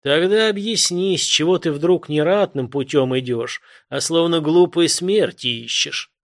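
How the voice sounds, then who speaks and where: A man performs an ancient warrior god in this storybook voice. He speaks slowly and loudly, with scornful weight on every phrase. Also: on the high side, voice pushed up. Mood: stern. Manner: slow, weighty, scornful pronouncements. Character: gruff ancient male warrior god, stern and proud.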